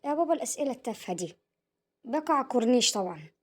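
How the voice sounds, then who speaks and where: A woman's voice: a little high, big pitch swings, very fast. A woman playing a cheeky schoolboy son. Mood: flustered. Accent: Egyptian Arabic. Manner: rambling, excuse-making. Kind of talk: comedy sketch acting.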